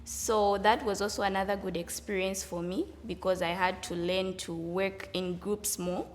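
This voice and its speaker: A woman's voice: mid-range voice, flat delivery, normal speed. A young woman from Zambia, an exchange student, answers interview questions earnestly and often closes her points with "yes". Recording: hall reverb, faint background noise.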